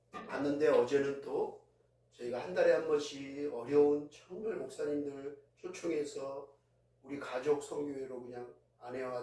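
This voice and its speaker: A man preaching in a church, his voice pitched high yet soft and mellow. He tells the story in an easy, conversational way. The sound is very echoey, with the voice coming from well back from the microphone. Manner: conversational storytelling, recounting events with feeling. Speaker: pastor. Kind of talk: sermon. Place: church sanctuary. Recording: very echoey hall, voice heard from a distance.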